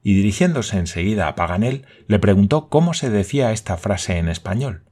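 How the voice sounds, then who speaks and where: A man reading a novel aloud as a narrator, in a steady, measured way. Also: on the low side, breathy edge. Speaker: audiobook narrator. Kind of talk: scripted narration.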